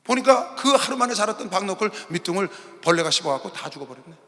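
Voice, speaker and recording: Brief: male pastor, fiery sermon delivery, bright sharp tone, long arena reverb. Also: high voice, expressive, fast. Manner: dramatic, swinging between loud bursts and quiet asides. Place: large arena hall.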